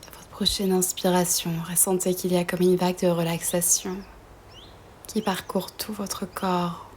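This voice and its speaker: The voice is lowish and fairly level, a soft, breathy half-whisper easing listeners through yoga nidra. She is gentle and soothing, pausing at length between phrases, and there's slight background noise.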